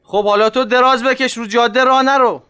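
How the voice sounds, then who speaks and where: A man voicing an anxious fellow fighter who calls out warnings loudly. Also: very high-pitched, fairly even intonation, clean tone, no room sound, pitched above the performer's own voice. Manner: calling out loudly.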